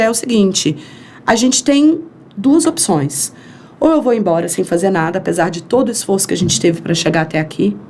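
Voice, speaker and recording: Slight background noise runs under this high-leaning voice of a woman from Brazil. As a podcast guest, she tells a lengthy story in an interview, bringing it to life by acting out the dialogue and voices.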